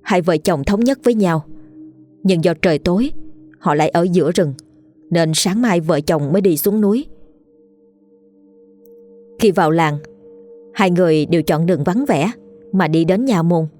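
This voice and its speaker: A woman reading a ghost story aloud in a steady storytelling voice. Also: fairly low pitch, normal speed, long pauses. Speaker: narrator. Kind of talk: scripted ghost story narration. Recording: faint background music.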